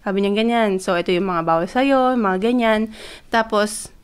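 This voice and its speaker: A young woman with a smooth, clear voice at an everyday middle pitch. She tells a personal story in a loose, chatty vlog, switching between Tagalog and English with plenty of fillers, and she gets more excited as she goes. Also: normal speed. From Philippines. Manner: grows excited as she retells. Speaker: vlogger. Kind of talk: casual personal testimony.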